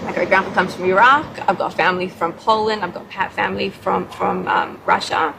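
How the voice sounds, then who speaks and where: A woman, a mother speaking heartfelt and halting as an interview guest. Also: mid-range voice, steady tone, creaky, noisy background. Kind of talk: emotional interview testimony.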